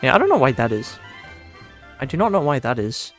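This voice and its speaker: Over soft background music, a Dutch-accented man from the Netherlands talks fairly quickly in a mid-range, slightly bright voice with big swings in pitch. His live-stream chat is casual and rambling, self-deprecating, and full of restarts as he thinks out loud.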